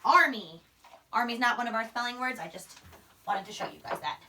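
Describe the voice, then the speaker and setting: Fairly high and fairly quick, a young primary school teacher's bright, pushed voice rings out as she emphatically sounds out words and letters for young children during a phonics lesson. She stands at a whiteboard in a small indoor room, recorded from a few steps away by a camera mic, so she sounds distant, with slight hiss or hum.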